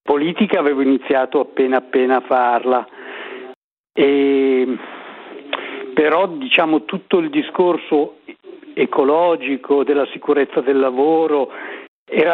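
An older man speaks over the phone to a radio call-in show, his voice squeezed thin by a tinny line. He talks earnestly and reflectively, pausing to find his words as he recounts something that shaped him. His voice sits a little higher than most men's. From northern Italy. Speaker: radio caller. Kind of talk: personal testimony on a call-in show.

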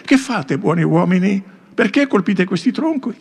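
A man voicing a wood nymph disguised as a shepherd boy in a read-aloud myth, earnest and pleading, with a gravelly, husky edge. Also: sits high, animated, moderate pace, voice pushed up, exaggerated voice. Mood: earnest questioning.

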